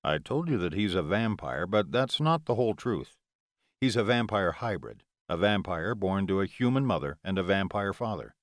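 A calm, affectionate male vampire, voiced by a male narrator, speaking low and reassuringly. His voice sits deep and is recorded close and dry. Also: normal speed, dry recording.

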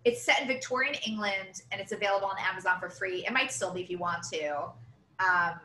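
A woman's voice: mid-range voice, brisk, pushed and bright, reverberant, a little hiss or hum. A woman co-hosting a podcast in casual chat, chatty and giggly, with loose asides and running commentary. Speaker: podcast co-host.

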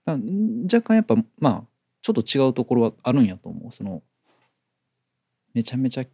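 A man's voice: mid-range voice, huge pitch swings, a little fast, vocal fry, mellow, husky, no echo. A man with a Kansai accent that mixes Kyoto and Kobe speech, chatting casually as a co-host and often repeating short agreeing words. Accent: Kansai, mixing Kyoto and Kobe. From Kansai, Japan. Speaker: podcast co-host. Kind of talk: casual chat.

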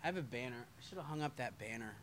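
A man's voice: mid-range voice, lively intonation, very fast, a bit bright, a little hiss or hum. A man hosting a podcast live stream, chatting casually and reading viewer comments aloud, loose and self-deprecating, with the odd curse word.

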